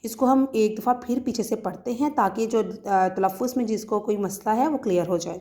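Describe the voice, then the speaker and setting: A woman's voice: on the high side, dark tone. Lady teacher from pakistan walking kids through a lesson, patient, lots of ums and restarts. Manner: patient explaining with frequent fillers and restarts, recites poetry in a measured lilt. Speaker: school teacher. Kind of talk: recorded Urdu grammar lesson for children.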